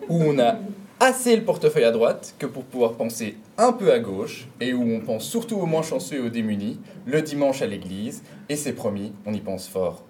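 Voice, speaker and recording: A man performs a first-person story in a theatrical, dramatic way with deliberate repetition. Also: medium pitch, very animated, noisy background. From Belgium. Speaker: storyteller performing an autobiographical monologue.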